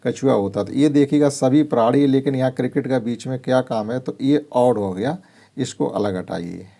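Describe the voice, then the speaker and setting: Gravelly, dark-voiced teacher. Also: male voice, medium pitch. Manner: explains English words in Hindi, slow deliberate reading of English sentences. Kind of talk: workbook lesson explanation.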